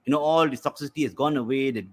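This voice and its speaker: A man's voice: medium pitch, rapid-fire. A man with a Malaysian English accent arguing persuasively on a football fan panel. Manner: animated, persuasive. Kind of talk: casual debate.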